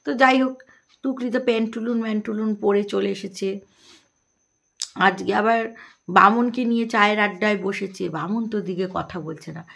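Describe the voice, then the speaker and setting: A woman's voice: mid-range voice, normal speed, vocal fry, a bit bright. A woman vlogger with a Bengali accent, gossiping and mocking the people she talks about directly to her viewers. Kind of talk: gossipy commentary vlog.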